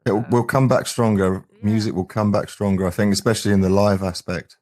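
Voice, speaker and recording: An English band frontman in his forties, appearing as an interview guest, reminisces casually in a hesitant, rambling way. His voice is fairly low with fairly even intonation, brisk and a little mellow.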